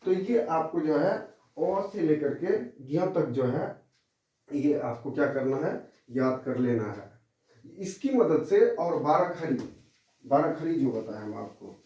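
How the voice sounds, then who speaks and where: A male English teacher giving a slow, repetitive classroom lesson, explaining letter by letter as he points to a board. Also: on the high side, expressive, warm tone. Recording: very echoey room, mic far off.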